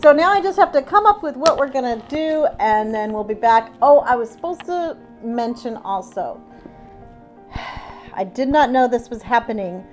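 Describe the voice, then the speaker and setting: A middle-aged craft vlogger with a stuffy cold talks through a DIY tutorial in a slightly high, somewhat mellow voice. She's chatty and upbeat, exclaiming over gifts.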